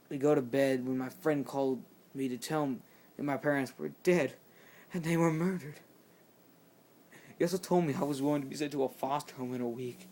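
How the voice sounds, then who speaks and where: A man reading a horror story aloud, halting and often restarting mid-sentence. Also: medium pitch, darkish tone. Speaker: channel host reading horror stories.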